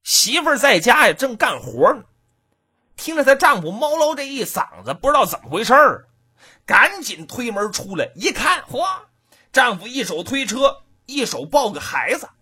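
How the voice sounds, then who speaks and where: A man telling a folk tale in an animated, rhythmic oral storytelling style. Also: very high-pitched, moderate pace, breathy edge.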